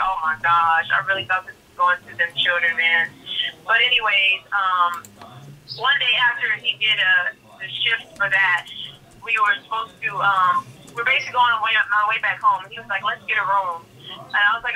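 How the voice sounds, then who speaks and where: A woman's voice: mid-range voice, bright, forceful tone, distant mic. A woman telling her personal story in an interview, emotional and repeating herself, heard over a phone line. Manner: emotional, repeats herself, voices others in quotes. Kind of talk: testimony in an interview.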